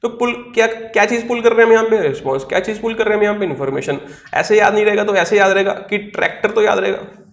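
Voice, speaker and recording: A man's voice: high voice, expressive, quick pace, vocal fry, echoey room. A man teaching English vocabulary in an online class, explaining step by step, spelling words out letter by letter and answering his own questions. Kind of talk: online class lecture in Hindi.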